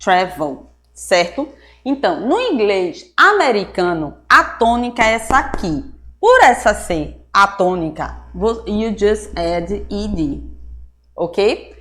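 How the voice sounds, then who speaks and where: A woman's voice: mid-range voice, very animated, slow pace, fairly bright tone. A woman teacher with a Brazilian Portuguese accent walks her class through a grammar rule at the board. She explains patiently, one step at a time, and keeps asking short checking questions. She slips English words and examples into her Portuguese. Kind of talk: recorded classroom lesson.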